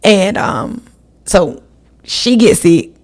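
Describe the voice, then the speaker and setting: A woman's voice: mid-range voice, very animated, extremely slow, vocal fry, darkish tone. A woman, hosting her podcast in a chatty, rambling style and talking straight to her listeners. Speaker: podcast host. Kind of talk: casual solo podcast chat.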